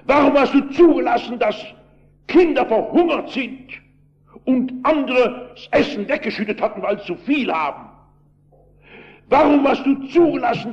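A man voicing an angry male miner who shouts accusing questions at God. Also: very high-pitched, muffled recording, voice pushed up.

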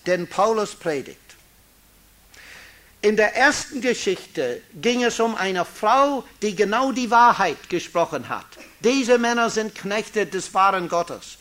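Slow, high-voiced preacher, man. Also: a bit bright. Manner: slow, emphatic preaching with stressed key words; non-native German with small grammar slips. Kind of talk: sermon reading and explaining scripture.

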